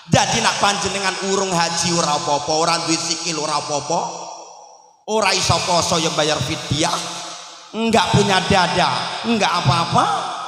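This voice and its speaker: Joking preacher in an echoey hall. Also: male voice, sits high, moderate pace, pushed and bright, soft background music. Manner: joking, mixes languages, acts out quotes. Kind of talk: humorous religious sermon. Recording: echoey PA sound with long reverb.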